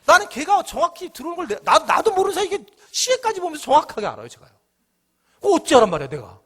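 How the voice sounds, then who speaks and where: A middle-aged man preaching to his church, his voice sitting high and swinging widely in pitch. He is animated, slipping into the worried voices of his listeners before answering them. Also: rapid-fire. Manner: animated, acts out the congregation's worries in their own voices. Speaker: pastor. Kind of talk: midweek church sermon.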